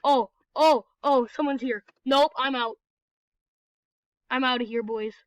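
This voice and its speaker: She's got a cold, so her high voice comes out nasal and congested as she casually rambles over her own gameplay for a video, chatty and apologetic, with a steady tone and measured pace. The recording is dry, dull, and lo-fi.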